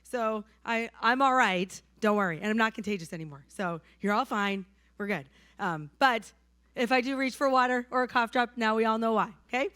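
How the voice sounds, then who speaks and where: A pastor from New Hampshire preaches a sermon in a hoarse, slightly raised voice that sits on the high side and has a sharp tone. She keeps a moderate, conversational pace, regularly checking in with listeners, and the sound is close and dry with no echo.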